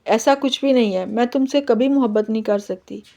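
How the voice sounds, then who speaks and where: Touchy young bride, woman reading her, higher soft voice, kinda lo-fi. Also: normal speed, creaky. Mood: hurt. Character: young woman, new bride, hurt and quick-tempered.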